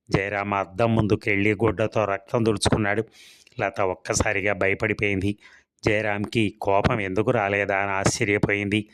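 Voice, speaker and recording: A man reading a storybook serial in steady, scripted narration. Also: on the low side, smooth, dry recording.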